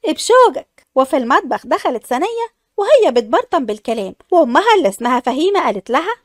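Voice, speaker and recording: A woman storyteller narrating an audio story in a brisk way. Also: high voice, sing-song, no room sound, studio quality.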